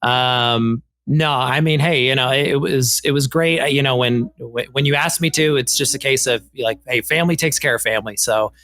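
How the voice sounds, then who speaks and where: A man who produces a podcast, speaking in a heartfelt, halting way with many fillers. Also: mid-range voice, a bit bright. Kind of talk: casual chat.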